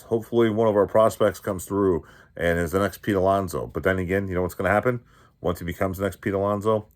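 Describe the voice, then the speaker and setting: A man hosting his own show, ranting about his sports team with loud outbursts, muttered asides and rhetorical questions. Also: deep voice. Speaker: podcast host. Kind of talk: fired-up sports rant.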